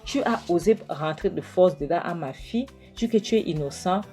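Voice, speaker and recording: A woman's voice: fairly low pitch, lively intonation, a little fast, warm tone, faint music behind, close to an everyday voice. A woman voicing an angry, threatening father who repeats his words, in a film recap.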